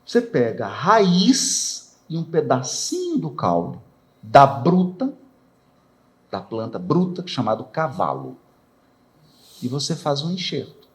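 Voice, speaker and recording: A man's voice: mid-range voice, huge pitch swings, takes it slowly. A man from Brazil, giving a spiritist lecture in a rhetorical way, asking questions and acting out quoted voices. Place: lecture hall of a spiritist center.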